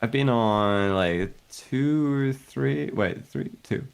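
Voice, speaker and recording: A man chatting casually as a guest on a stream, easygoing and admiring, in halting phrases. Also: medium pitch, expressive, creaky, clean tone. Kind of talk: casual chat.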